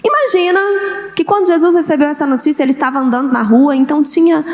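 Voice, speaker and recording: A woman bishop with a Brazilian accent preaching an animated sermon in a church, acting out the voices she quotes. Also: sits high, fast. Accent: Brazilian Portuguese. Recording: echoey church hall.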